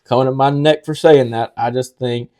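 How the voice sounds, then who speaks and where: Man, podcast co-host, warm mellow timbre, opinionated. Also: medium pitch, fairly even intonation, moderate pace. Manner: opinionated, argues his case with confidence. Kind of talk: casual sports talk.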